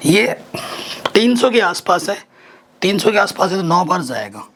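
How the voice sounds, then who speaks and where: A man's voice: high voice, sing-song, normal speed, creaky, fairly bright tone. A man teaching a math lesson to students, walking through each step by asking questions and answering them himself.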